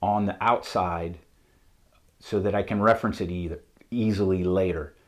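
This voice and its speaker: A man's voice: deep voice, fairly even intonation, moderate pace. A man with a Southern accent, a mechanic walking through a technical how-to at a whiteboard in a methodical, plain-spoken way. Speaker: auto mechanic instructor. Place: shop with a whiteboard.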